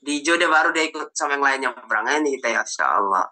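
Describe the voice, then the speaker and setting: A man's voice: mid-range voice, animated, quick pace, pushed and bright. A man, preaching informally in an online study session with jokes and trailing restarts. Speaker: Islamic preacher.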